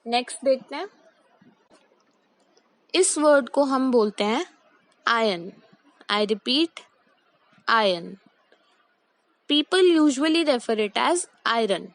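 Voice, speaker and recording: A young woman with a high voice teaches English pronunciation, switching between Hindi and English. She speaks slowly and carefully, repeating each word and saying example sentences at a deliberate pace. The recording is dry and close, with no room sound. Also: no echo, poor audio. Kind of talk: explanatory lesson mixing Hindi and English.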